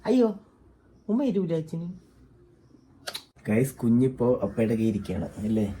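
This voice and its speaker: A woman's voice: extremely low pitch, sing-song, normal speed, mellow, a little hiss or hum. A woman vlogging with her family, coaxing a toddler in sing-song baby talk. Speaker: parent vlogger.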